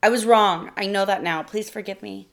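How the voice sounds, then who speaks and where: A woman reading a short story, voicing an abusive, controlling man with a rough, commanding manner. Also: mid-range voice, moderate pace, lightly acted. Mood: pleading.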